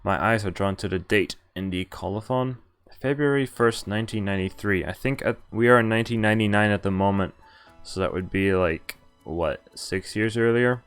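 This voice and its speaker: Over game music, a man with a lowish, clear, resonant voice reads a visual novel aloud at a moderate pace. He's a streamer who keeps breaking off from the script for chatty, informal asides and jokes of his own.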